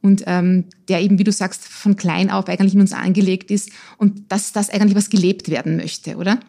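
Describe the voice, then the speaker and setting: Female interviewer, warm mellow voice, hesitant and filler-heavy questions. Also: medium pitch, level tone, a little fast, vocal fry. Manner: hesitant, many fillers, asks long questions. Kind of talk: interview conversation.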